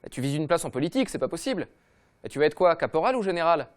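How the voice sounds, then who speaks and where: A man hosting a comedy football show, ranting in a mocking, slangy, rapid-fire way. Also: on the high side, sing-song, loud music behind the voice. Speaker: comedy football podcast host. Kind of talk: fast comic rant.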